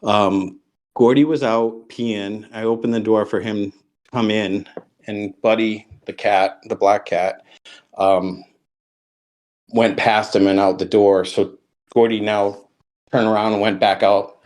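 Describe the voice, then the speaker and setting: A man's voice: lowish voice, steady tone, measured pace, darkish tone. A man, a podcast guest, telling a long story in a casual way, full of ums and restarts. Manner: rambling, with many ums and restarts.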